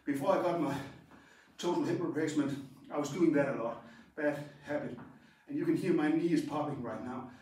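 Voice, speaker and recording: Working through karate stances, a Danish-native instructor with a fairly high, slightly mellow voice speaks simply and falteringly, pausing between moves. He is well back from the camera as he moves around a large dojo, where the sound echoes strongly, with some light background noise.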